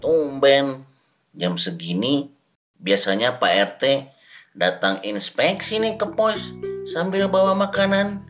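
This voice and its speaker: A woman with a Sundanese accent voicing a bumbling male village night watchman in a motion comic, bickering and firing off quick comic retorts. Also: very deep voice, very animated, exaggerated voice. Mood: grumbling. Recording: roomy echo, loud guitar.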